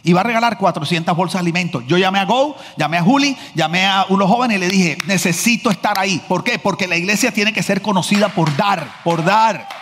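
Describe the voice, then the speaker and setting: A man preaching a sermon as pastor, telling stories in a lively, joking manner. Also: high voice, brisk, hardly any pauses, slight background noise. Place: large church hall. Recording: echoey church hall.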